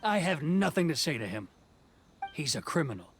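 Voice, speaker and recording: A man's voice: fairly high pitch, big pitch swings, normal speed, a bit bright, a little hiss or hum. An actor playing a proud, cold male officer of a commission, curt and dismissive, in video game dialogue.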